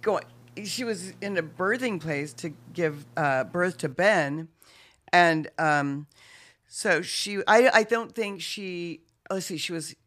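A woman's voice: on the low side, animated, slow, a bit bright. A woman telling a funny story in a casual chat with friends, laughing and acting out what people said. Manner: chatty, laughing, acts out quotes.

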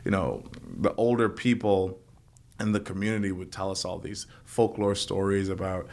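A young man from Trinidad and Tobago, a guest actor telling stories in a podcast interview, animated and building tales with repetition. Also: deep voice, moderate pace.

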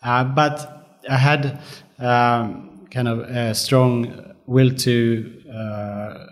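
A man in his forties, from Sweden, answering interview questions in a measured way, with many pauses and fillers. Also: medium pitch, fairly even intonation. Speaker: guest fund manager.

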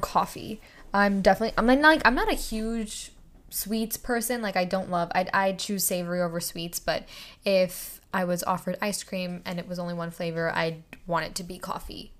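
A woman's voice: fairly low pitch, a bit bright. A young woman hosting a casual solo podcast, chatty and giggly, stumbling over words as she reads out questions. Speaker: podcast host.

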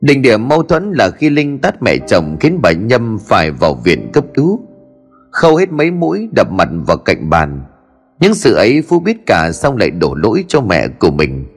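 Male storyteller, dramatic ghost-story narration, animated pitch, slightly husky. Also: moderate pace, soft background music.

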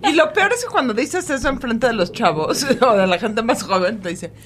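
Mexican lady podcast host, tells it like a story, voice on the high side. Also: expressive, moderate pace, noisy background. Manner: storytelling, leads topics with asides. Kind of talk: casual comedic chat.

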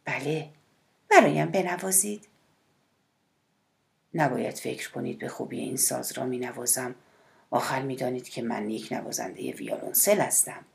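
A shy middle-aged cellist murmurs his lines, hesitant and timid, as a woman reading the audiobook lowers her voice for him. He speaks quietly and low, with a faint gravelly edge. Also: long pauses, heavily acted. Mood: hushed. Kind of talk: audiobook character voice.

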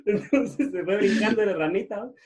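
A man's voice: sits high, moderate pace, a crowd in the background. A Guatemalan man in his thirties, co-hosting a podcast in casual chat, rambling through a story in crude slang. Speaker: podcast co-host.

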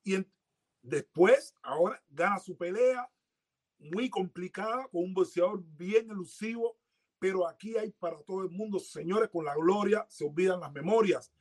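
A man's voice: sits high, normal speed. A man co-hosting a casual boxing chat, talking emphatically and repeating words to drive a point home. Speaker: podcast co-host.

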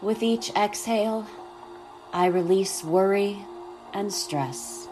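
A woman guiding a meditation in a soft, soothing manner, speaking slowly and gently. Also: mid-range voice, music in the background. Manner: soft, slow, soothing delivery. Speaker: podcast host and meditation guide. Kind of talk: guided meditation.

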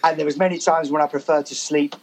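A man speaking as a guest author in a podcast interview, his voice croaky from performing, hesitant and full of ums and repeated words. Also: fairly high pitch, little pitch movement, fast talker, rough recording. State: croaky voice after a gig. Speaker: guest, author and working musician.

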